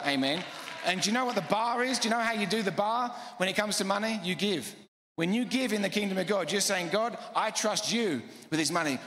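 A middle-aged preacher delivers his sermon in an emphatic, fast burst, layering phrase upon repeated phrase. The voice is a touch high and sharp in tone, ringing through a large church hall with lingering reverb and a faint hiss or hum.

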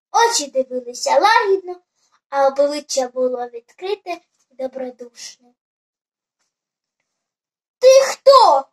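A storyteller reading a fairy tale aloud in an expressive, lively way. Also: high voice.

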